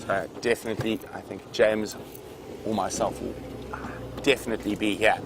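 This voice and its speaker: A man's voice: fairly low pitch, little pitch movement, normal speed. Male safari guide on a noisy savanna game drive. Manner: unscripted, conversational explaining. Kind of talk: live savanna safari commentary, explaining wildlife to viewers. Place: outdoors in an open safari vehicle in the bush. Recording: noisy outdoor vehicle ambience.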